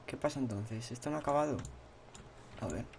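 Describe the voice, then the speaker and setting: A man with a Spain Spanish accent giving horror let's-play commentary, repeating himself and yelling and swearing at the game. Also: medium pitch, a little fast, creaky, slight background noise. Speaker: gaming channel host.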